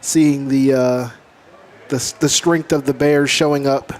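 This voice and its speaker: A man giving measured, careful stats commentary during a high school football broadcast. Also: steady tone, darkish tone, slight background noise.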